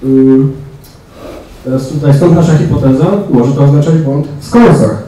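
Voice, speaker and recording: A young man giving a technical talk in a large lecture room, pausing often with fillers. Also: on the high side, fairly even intonation, warm tone. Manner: hesitant, many fillers. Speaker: conference speaker. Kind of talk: technical presentation. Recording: echoey hall, distant mic.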